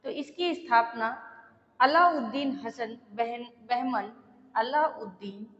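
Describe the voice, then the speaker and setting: A woman teacher giving a slow, repetitive exam-prep lecture, pausing often to check that her students are following. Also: a little high, fairly bright tone, big-room sound, lo-fi sound.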